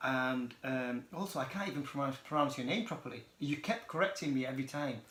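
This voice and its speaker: A man's voice: mid-range voice, lively intonation, fairly quick, fairly bright tone, pitched below the performer's own voice, close to an everyday voice. A man playing a stiff job interviewer who hesitates with ums while delivering bad news. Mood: stiff formal. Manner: hesitant, formal, many ums. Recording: echoey room.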